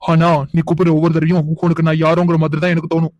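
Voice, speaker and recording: A man's voice: fairly high pitch, completely flat delivery, racing, a little mellow, no room sound, highs cut off, close to an everyday voice. A man voicing a young man in a cartoon who pleads with his partner and apologizes. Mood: defensive. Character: young man Karthik, remorseful fiancé. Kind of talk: cartoon dubbing.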